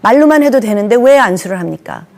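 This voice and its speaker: A woman's voice: a little high, lively intonation, fast talker, darkish tone. A Korean woman pastor in her sixties giving an earnest, emphatic testimony sermon, acting out the lines she quotes.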